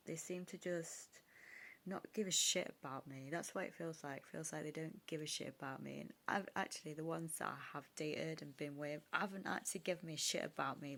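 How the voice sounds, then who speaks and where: Young woman, low voice, gravelly, tearful, rambling confessional vlog. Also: fairly bright tone. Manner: rambling, emotional, many fillers and restarts. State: upset, tearful. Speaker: vlogger. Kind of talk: casual confessional chat to camera.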